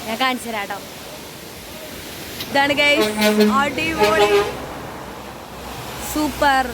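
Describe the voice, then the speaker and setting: Talking casually on her family travel vlog, a young woman speaks to her viewers often and slips in the odd English word. Her voice is high-pitched and she takes it slowly. The road-trip setting, in a car and outdoors, brings plenty of vehicle and outdoor noise.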